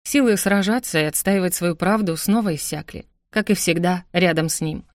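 A woman narrating a first-person romance novel in a measured, emotional reading. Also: lowish voice, no room sound, studio quality. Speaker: audiobook narrator.

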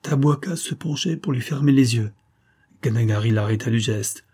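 Man, audiobook reader, warm mellow voice, husky, dramatic narration. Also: mid-range voice, moderate pace. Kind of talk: reading a serialized adventure novel.

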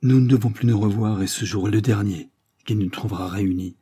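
A man's voice: lowish voice, fairly quick, mellow, husky, dry recording. A man reading as a bitter, reproachful noblewoman. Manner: impassioned, reproachful, dignified. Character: wounded noble mother, firm and bitter.

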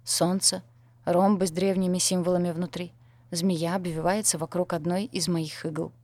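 A woman reading a first-person story as an audiobook narrator, measured and dryly ironic. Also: fairly low pitch, level tone, darkish tone, no room sound.

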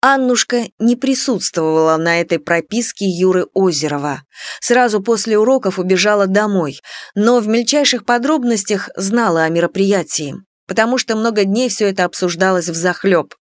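A woman reads an audiobook in an expressive storytelling manner. Her voice sits in the middle range. The recording is dry and close. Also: normal speed, no echo. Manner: expressive reading, voicing characters' lines with raised pitch. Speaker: audiobook narrator. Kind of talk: scripted audiobook narration.

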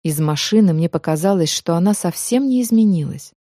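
Reading slightly quickly, a woman narrates a first-person audiobook with emotion, letting her pitch rise and fall freely. The close-miked recording is dry without any room sound, and her tone comes across mellow and warm.

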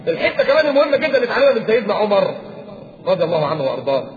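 A man with an Egyptian accent preaches at a rapid clip in a fairly high voice. He acts out little exchanges between people with humor and drive. The recording is dull, lo-fi tape with plenty of room echo. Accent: Egyptian Arabic. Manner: lively, acts out dialogues with humor. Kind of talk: religious lecture. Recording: roomy, dull lo-fi lecture tape.

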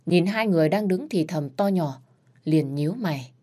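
A woman storyteller with a low, steady voice reads a scripted tale. Her pacing is even and measured throughout.

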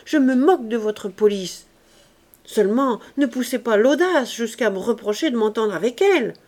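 A proud young bourgeois wife from a storybook reading, her voice shrill, loud and cutting as she hurls her indignation, as a woman reader puts her on. She sits high in the voice and jabs every phrase. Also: animated, moderate pace. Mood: outraged.

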